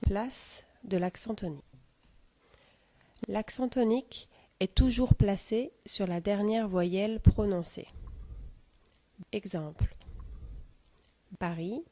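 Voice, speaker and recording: Slow, dark-voiced woman dictating a lesson. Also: mid-range voice, no room sound. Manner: measured, dictating definitions and examples. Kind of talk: reading a pronunciation lesson.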